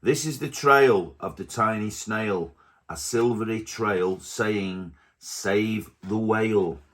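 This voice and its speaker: Dad reading a storybook to his baby, low voice, real slow and soft. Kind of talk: reading a picture book aloud.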